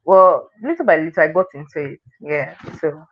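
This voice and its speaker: A woman's voice: deep voice, animated, normal speed, dry recording. Woman guest on a video call, chatty and self-correcting, dry and slightly muffled audio. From Delta State, Nigeria. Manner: chatty, restarts phrases, laughs often. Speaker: guest, sales closer. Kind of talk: casual interview chat.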